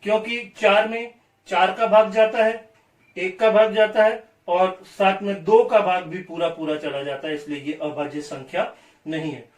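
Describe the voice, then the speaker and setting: A man's voice: high voice, fairly even intonation, unhurried, recorded from a distance. A man from India teaching a maths lesson, repeating definitions and asking and answering his own questions, recorded in an echoey room away from the mic.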